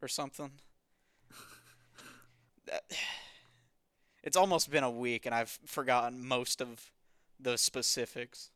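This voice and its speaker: A man's voice: medium pitch, steady tone, takes it slowly, long pauses, fairly bright tone, no room sound. A man hosting a podcast, casually recapping a comic in a wry, dismissive way. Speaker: podcast host.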